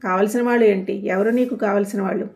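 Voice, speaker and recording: A woman's voice: mid-range voice, steady tone, fast talker, creaky, close to an everyday voice. A woman voicing a furious, jealous married woman who hurls harsh accusations. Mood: angry, accusing. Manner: harsh, shouting insults.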